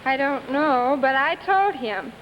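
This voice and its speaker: A woman's voice: high-pitched, expressive, slow pace, long reverb tail, lo-fi sound, slight background noise. A young woman from Wisconsin chatting politely as a contestant on a 1950s live quiz show, on a vintage broadcast recording. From Wisconsin, United States. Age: young adult.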